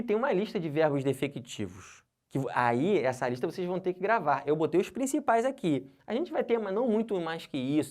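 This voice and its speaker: Lively, colloquial Brazilian male teacher. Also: on the high side. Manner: colloquial, constantly checks in with students. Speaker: exam-prep Portuguese teacher. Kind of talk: recorded grammar lesson.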